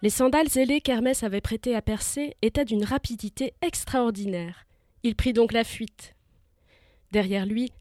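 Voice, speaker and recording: A woman's voice: on the high side, a little mellow, dry recording, clean studio sound. A woman storyteller giving scripted narration of a myth for young listeners, vivid and lifting with the action.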